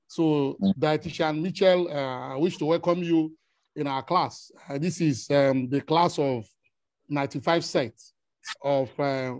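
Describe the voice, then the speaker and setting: A Nigerian man with an Igbo accent hosts an online meeting, giving courteous, halting welcomes. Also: a little high, fairly even intonation, a little mellow, no echo. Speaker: host of an online alumni meeting. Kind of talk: informal formal welcome speech. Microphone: online video call.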